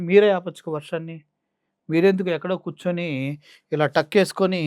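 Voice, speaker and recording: A man's voice: high-pitched, darkish tone, dry recording, studio quality. A man with a Coastal Andhra Telugu accent giving mocking, sarcastic political commentary. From Andhra Pradesh.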